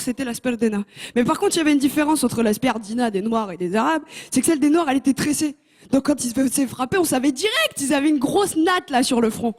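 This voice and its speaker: Young woman doing stand-up on stage. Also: high-pitched. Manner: lively, teases the audience. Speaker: stand-up contestant. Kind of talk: stand-up comedy routine. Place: TV talent show stage. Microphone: handheld mic.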